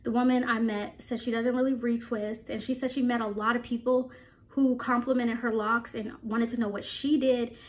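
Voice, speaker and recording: A woman vlogger talking casually to her viewers, chatty and rambling with frequent laughs, her voice a little stuffy from allergies. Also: a little high. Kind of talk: casual chat to camera.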